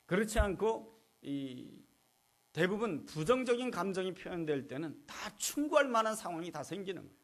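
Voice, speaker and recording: Lively, rather high-pitched male pastor preaching. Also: moderate pace. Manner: teaching, poses rhetorical questions to the congregation. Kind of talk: sermon. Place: church.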